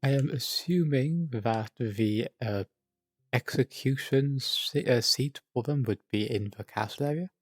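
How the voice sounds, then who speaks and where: A man in a casual online voice chat for a roleplay, thinking aloud with lots of pauses and fillers. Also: medium pitch, no room sound. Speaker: roleplay participant.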